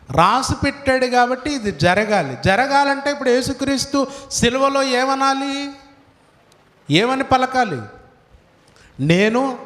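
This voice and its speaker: A man's voice: very high voice, fairly bright tone. A male pastor preaching a sermon, from India, firing rhetorical questions at his congregation. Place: church hall. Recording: echoey hall, voice from far off.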